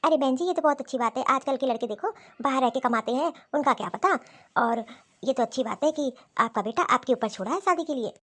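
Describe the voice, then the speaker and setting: A woman's voice: high voice, animated, a little fast, a bit bright. A woman voicing a polite, agreeable middle-aged aunt on a visit in a cartoon.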